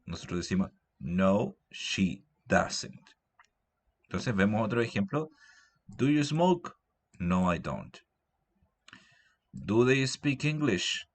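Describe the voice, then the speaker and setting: A man's voice: lowish voice, very animated, slow, long pauses. A man giving a grammar lesson, patiently repeating example sentences. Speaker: English teacher. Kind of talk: grammar lesson explained in Spanish.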